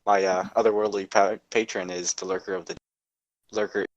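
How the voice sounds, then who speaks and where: A man playing a tabletop game over an online call, his voice breaking up in a choppy buffering stutter as the connection drops, halting and restarting mid-word. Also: fairly low pitch, little pitch movement, no room sound, dull audio. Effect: choppy buffering stutter from a dropping online connection.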